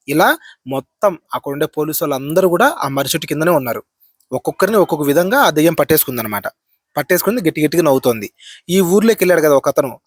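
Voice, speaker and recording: A man's voice: a little high, slightly rough, no echo, clean studio sound. A man hosting a horror channel, telling a ghost story in a chatty spoken way, repeating phrases and tagging lines with a filler.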